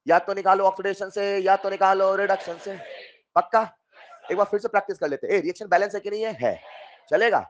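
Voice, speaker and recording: A man teaching chemistry in an online class, coaxing his students with repeated questions and bursting into loud emphasis. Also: high-pitched, a little fast. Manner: coaxing, repeats questions to students, calls them dear children. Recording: dull lo-fi sound.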